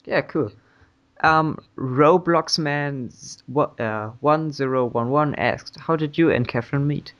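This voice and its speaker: A man's voice: fairly high pitch, a little slow, a bit bright. Man reading questions over dull audio. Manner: reads questions out, stumbling over usernames. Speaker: interview host reading viewer questions. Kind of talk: livestream interview.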